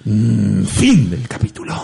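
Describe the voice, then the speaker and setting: Husky man telling a story. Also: lowish voice, sing-song, slow pace, warm tone. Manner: jokey, dramatic retelling, acts out lines. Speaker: storyteller retelling a plot. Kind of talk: casual chat.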